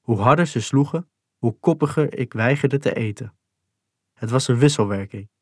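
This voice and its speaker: A man calmly reading a first-person memoir in a measured, sober way. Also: medium pitch, breathy edge, dry recording, studio quality. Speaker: narrator. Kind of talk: scripted memoir narration.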